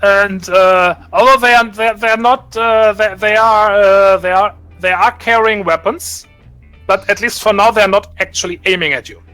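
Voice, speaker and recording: A man narrating a tabletop role-play session as game master, halting with many restarts and fillers. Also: high voice, steady tone, bright, forceful tone, soft background music.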